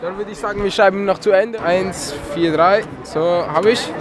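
Young male youth-radio interviewer, slightly high voice, casual, recorded in a noisy crowd. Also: moderate pace. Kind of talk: on-location interview, casual questions. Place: busy book fair hall. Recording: clear crowd noise behind.

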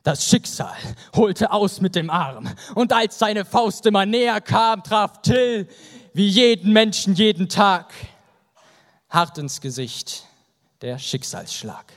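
Young male slam poet, high voice, dramatic rhythmic storytelling, long hall reverb. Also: animated, slow. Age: young adult. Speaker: poetry slam performer. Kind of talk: rhymed spoken-word performance.

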